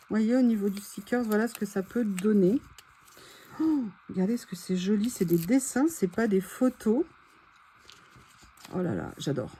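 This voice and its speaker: Gushing French woman, mellow voice. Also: on the high side, slightly rough. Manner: enthusiastic, gushing, repeats words. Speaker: haul vlogger. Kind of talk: casual haul chat, reading quotes aloud.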